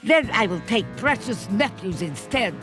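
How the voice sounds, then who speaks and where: Over background music, a woman performs a video game cutscene as a scheming villainous sorceress duck who gloats in broken grammar. Her medium-pitched voice is animated and lightly acted, delivered at a measured pace.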